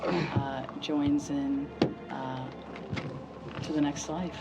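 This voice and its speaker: A woman runs a tabletop fantasy game, her voice sitting on the lower side for a woman. She narrates haltingly, full of fillers, over clear background music. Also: fairly even intonation, highs cut off. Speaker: game master.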